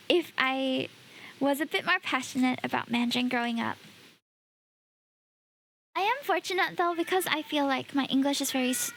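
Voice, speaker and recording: A high, bubbly woman's voice. She chats casually and excitably like a livestreamer talking to viewers, with faint noise behind her. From Singapore. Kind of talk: casual livestream chat while opening card packs.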